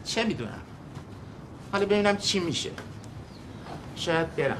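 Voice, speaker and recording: A man's voice: high-pitched, lively intonation, a bit bright, a little hiss or hum. An actor playing a sulky, defensive middle-aged husband who grumbles and raises his voice in a sitcom. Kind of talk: sitcom acting.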